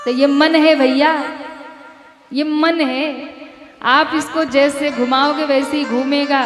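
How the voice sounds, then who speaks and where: A woman's voice: sits high, fairly even intonation, slow pace. A woman preacher giving a devotional storytelling sermon. She speaks conversationally, talks straight to her audience, and chides them lightly. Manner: conversational, addresses the audience directly, lightly chiding. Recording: echoey hall with music behind.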